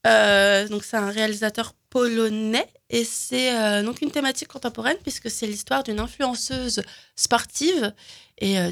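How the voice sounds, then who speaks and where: A woman with a gravelly, creaky voice chats casually about films. She hesitates often, filling gaps with fillers and restarting her sentences. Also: medium pitch, a bit bright. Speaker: film recommendation guest. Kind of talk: casual radio film chat.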